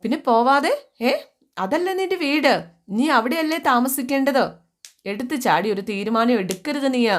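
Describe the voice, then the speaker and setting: A worried older mother pleading with and gently scolding her daughter, as a woman storyteller puts her on. Her voice sits a little high and stays coaxing rather than harsh, in a retold family drama. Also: animated, a little slow.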